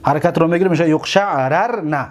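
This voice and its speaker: A man with a Tajik accent teaching grammar, drawing out and repeating each word form slowly for his students. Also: a little high. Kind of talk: grammar lecture.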